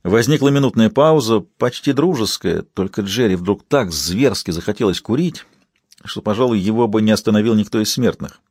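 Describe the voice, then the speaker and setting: A man with a fairly low voice reads an audiobook aloud as its narrator. His storytelling is steady and even. The close studio mic gives a very dry, dead sound. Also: moderate pace, breathy edge, no room sound. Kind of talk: scripted narration.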